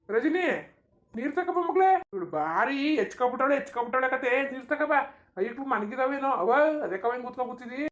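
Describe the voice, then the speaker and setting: A woman's voice: on the high side, lightly acted. A woman voicing a grumbling old village grandfather who drinks, in a cartoon, bickering defensively. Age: older.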